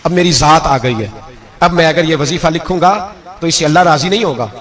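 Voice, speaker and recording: A preacher voicing a humble, stern old ruler who apologizes and scolds. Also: male voice, fairly high pitch, fairly quick, fairly bright tone, close to an everyday voice. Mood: solemn. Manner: remorseful, then sternly scolding.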